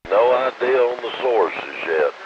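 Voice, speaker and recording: A man's voice: mid-range voice, expressive, unhurried. A man chatting casually as an amateur radio operator over a crackly walkie-talkie style transmission. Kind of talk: casual two-way radio chat. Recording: dull two-way radio with clear static.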